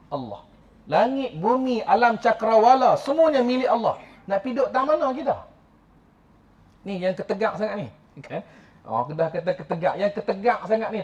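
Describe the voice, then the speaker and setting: A male religious teacher with a Kedah accent lectures in a mosque, his voice sitting high for a man. He is animated and teasing, acting out grumbling quotes between points. The recording sounds dull and lo-fi. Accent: northern Malaysian (Kedah).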